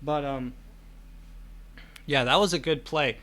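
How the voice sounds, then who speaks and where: A man's voice: fairly high pitch, takes it slowly, a bit bright. A young man hosting a podcast, chatting casually and telling stories in a joking, teasing manner. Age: young adult. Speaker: podcast host. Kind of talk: casual chat.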